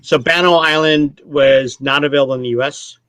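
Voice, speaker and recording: A man's voice: on the high side, steady tone, fairly quick, fairly bright tone, no echo. A man from Canada, a brand ambassador explaining spirits in a casual online tasting chat, rambling and correcting himself as he goes.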